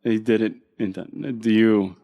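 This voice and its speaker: A man with a fairly low voice co-hosts a relaxed podcast chat. He ribs his partner, laughs often and keeps the talk moving. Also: measured pace, highs cut off. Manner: laughing, teasing banter. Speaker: podcast co-host. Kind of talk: casual chat.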